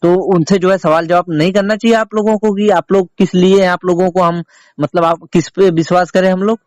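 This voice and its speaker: On a recorded phone call, a male reporter interviews someone, pressing his questions emphatically, insistently, and repetitively. His voice is high-pitched and darkish, fairly quick with fairly even intonation, and there's no echo.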